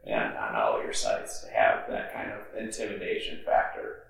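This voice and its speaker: Gravelly male interviewer, far and echoey. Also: very deep voice, sing-song, fairly bright tone. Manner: halting, searching for words. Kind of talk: casual interview questions.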